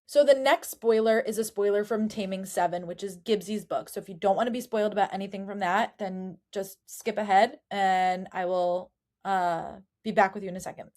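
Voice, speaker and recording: A woman hosting a casual book-discussion podcast, chatty and animated, with fillers. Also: medium pitch, normal speed. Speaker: podcast host.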